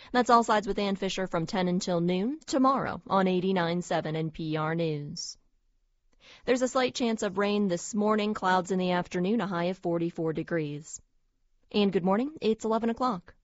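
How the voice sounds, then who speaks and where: A woman radio station announcer giving a steady, scripted read of station IDs, promos and the weather, with a tinny radio sound. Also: medium pitch, no room sound. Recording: dull lo-fi radio broadcast, dry.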